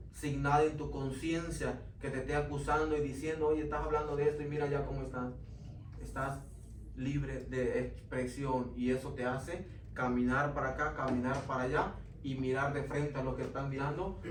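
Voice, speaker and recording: A man giving an earnest Sunday school testimony in church, often calling his listeners brother. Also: mid-range voice. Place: church classroom. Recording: echoey room, mic far off, faint noise.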